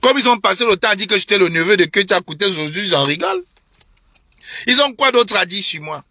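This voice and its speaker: Fired-up young guy from cameroon ranting live, bright sharp high voice, dry close sound. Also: expressive, a little fast, no echo. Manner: indignant, repetitive, mocking laughs. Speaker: online political commentator. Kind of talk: heated live-stream rant.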